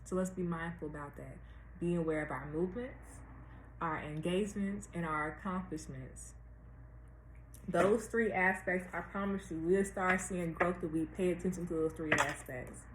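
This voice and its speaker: A woman's voice: lowish voice, steady tone. American woman speaking with a retainer, echoey room. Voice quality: slightly lisped speech from wearing a dental retainer. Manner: slow, deliberate, repeats phrases for emphasis. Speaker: tarot reader and astrologer hosting a weekly series. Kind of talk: casual spiritual guidance chat to viewers. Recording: roomy echo with faint background noise.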